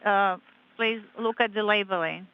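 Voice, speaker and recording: A woman interpreting on a space radio loop, relaying each line flatly in short bursts over a communicator. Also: medium pitch, measured pace, clear, resonant tone. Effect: radio communicator sound, muffled with static. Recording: muffled radio loop with faint static.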